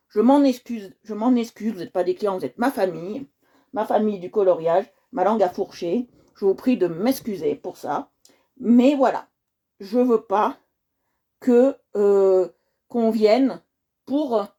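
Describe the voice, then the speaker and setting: A woman's voice: mid-range voice, dark tone. A woman hosting a coloring livestream, chatting casually with her viewers and often repeating herself as she checks in with them.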